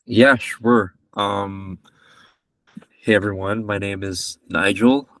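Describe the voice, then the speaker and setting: A man's voice: fairly low pitch, fairly even intonation, slow, fairly bright tone, no room sound, recorded from a distance. A man in his twenties from Malaysia, a podcast guest chatting casually in a rambling, joking way that keeps correcting itself. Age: 20s. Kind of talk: casual chat.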